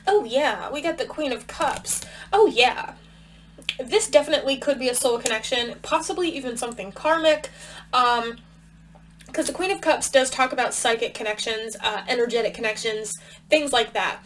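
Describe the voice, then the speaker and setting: A woman's voice: a little high, moderate pace, fairly bright tone, a little hiss or hum, rough recording. A woman giving a casual tarot reading to her viewers, thinking aloud with plenty of fillers while talking around a cough drop. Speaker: tarot reader.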